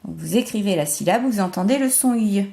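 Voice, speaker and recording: A woman teacher giving a remote phonics lesson to young children, slowly spelling out syllables and sounds. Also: medium pitch, expressive, vocal fry, mellow. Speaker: primary school teacher.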